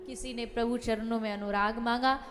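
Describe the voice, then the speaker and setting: A woman's voice: a little high, fairly even intonation, moderate pace, in a large hall, faint music behind. A woman giving a devotional scripture discourse, animatedly telling the story and acting out its dialogue. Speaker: religious storyteller.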